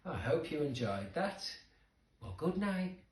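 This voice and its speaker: Unhurried and sing-song, a man with a voice on the high side tells a children's story with dramatic flair for young listeners. It's captured on a distant microphone, so the room echoes.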